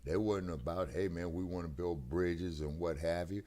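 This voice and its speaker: A man's voice: low-pitched, fairly even intonation, normal speed, mellow. A man talking over a video call through a headset. He speaks emphatically, in a preachy way, and keeps checking "you see what I'm saying?". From United States. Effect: heard over a video call, connection breaking up. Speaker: co-host of a talk stream. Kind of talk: casual political discussion.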